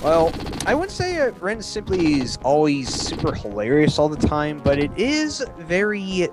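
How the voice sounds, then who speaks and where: A man co-hosting a casual gaming livecast, talking with animated enthusiasm. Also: fairly high pitch, music in the background. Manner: animated, enthusiastic, quick to agree. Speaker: livecast co-host.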